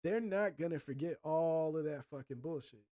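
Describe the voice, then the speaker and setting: A man hosting a casual livestream, handing out blunt, profanity-laced advice in a preachy tone. His voice sits a little high for a man, but the timbre is dark and mellow. He talks straight to his viewers like a friend lecturing them. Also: moderate pace. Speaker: livestream host.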